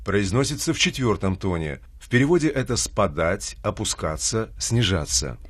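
Low-voiced man hosting a radio lesson. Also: animated, moderate pace, breathy edge, dry recording, studio quality. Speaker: radio language lesson host.

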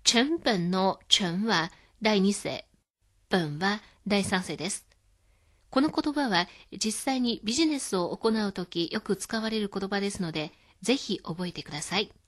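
Lady teacher on a radio language lesson, calm, explains each word. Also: medium pitch, unhurried.

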